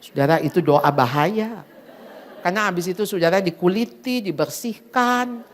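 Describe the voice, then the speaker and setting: A middle-aged woman preaching to a crowded church at a Christmas gathering. She calls the listeners "saudara", drops English phrases into her talk, and swings her voice wide as she acts out the voices she quotes. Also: normal speed. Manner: animated, dramatizes inner voices and prayers with big pitch swings. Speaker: women's ministry speaker. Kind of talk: sermon. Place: packed church hall at a Christmas event.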